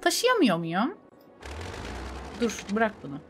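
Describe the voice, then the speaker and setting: Over a city-building game, a young woman streamer chats casually, talking to herself and to her chat, breaking into sudden laughing outbursts. Her mid-range voice is slow and fairly bright with wildly swooping pitch, and faint music plays behind her.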